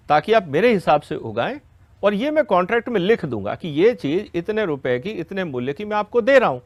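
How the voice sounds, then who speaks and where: A man's voice: fairly high pitch, no room sound. A man giving an educational question-and-answer explanation, didactic and step by step, often checking that listeners follow. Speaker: expert explaining a law to farmers.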